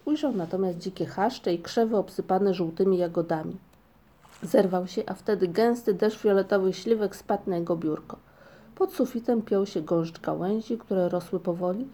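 A woman reads a children's storybook aloud, calm and steady. Her voice is warm and mellow, at a middle pitch. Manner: calm, even-paced reading aloud. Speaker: narrator. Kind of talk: storybook reading.

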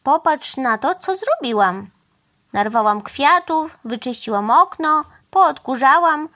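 A woman voicing a cheerful, easygoing mother cow with a gentle, sing-song way of speaking. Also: sits high, animated, slow pace, pitched above the performer's own voice, heavily acted. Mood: calm.

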